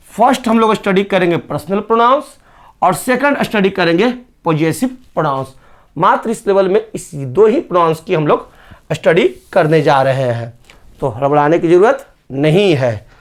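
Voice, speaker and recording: A man teaching a grammar lesson, spelling words out letter by letter. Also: sits high. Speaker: English teacher.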